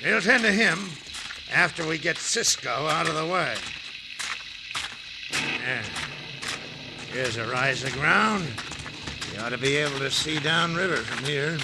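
Gravelly, high-pitched Western outlaw bully. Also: male voice, expressive, measured pace, long pauses, very noisy. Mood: vengeful. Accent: American Western. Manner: gruff, threatening. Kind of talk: old-time Western drama acting.

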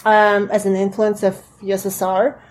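A woman's voice: medium pitch, flat delivery, normal speed. A woman in her late twenties from Kazakhstan with a Russian accent, a native Russian speaker, chatting as a podcast guest in a friendly way with many fillers and restarts. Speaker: guest entrepreneur. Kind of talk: casual interview chat.

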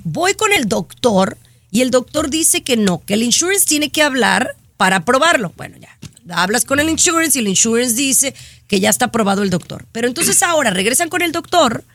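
A woman hosting a casual chat show, telling stories in an animated, exasperated way. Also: high voice, normal speed. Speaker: show host. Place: in Florida.

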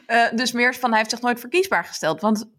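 A woman co-hosting a podcast in casual chat, quick to laugh. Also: fairly high pitch, fairly bright tone. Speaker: podcast co-host.

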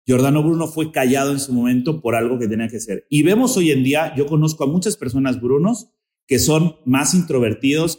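A man's voice: medium pitch, a little mellow, echoey room. A man appearing as a podcast guest, talking casually about spirituality and often searching for words as he goes.

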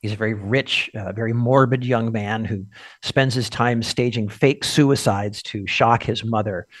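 A man, a film critic, calmly describing a classic movie on the radio with frequent "uh"s. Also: fairly low pitch, measured pace, no echo.

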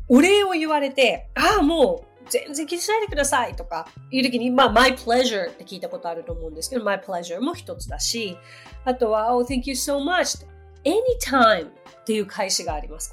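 A woman's voice: a little high, husky. A woman hosting a podcast English lesson, chatty and friendly, with laughs between her explanations.

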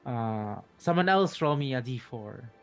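A man narrating a tabletop game as dungeon master, halting and restarting mid-sentence. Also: medium pitch, expressive, clean tone, soft background music. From Philippines.

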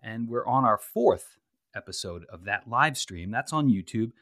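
A man's voice: mid-range voice, measured pace, no room sound, clean studio sound. A man hosting a podcast, chatting casually and pointing listeners to the show notes. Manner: relaxed, chatty, promotional. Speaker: podcast host.

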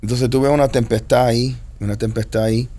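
Male co-host, casual storyteller, mid pitch, teasing. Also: steady tone, fast talker, mellow. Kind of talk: casual chat.

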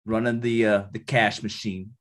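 A man playing an evasive male beauty shop owner in an improvised comedy scene, halting and full of fillers. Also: lowish voice, little pitch movement, a bit bright, close to an everyday voice. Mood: hesitant.

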